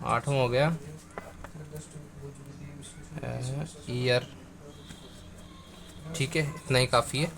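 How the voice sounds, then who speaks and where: Against a noisy background, a man with a medium-pitched voice gives a grammar lesson, slowly repeating words, spelling them out letter by letter, and speaking warmly to viewers as friends.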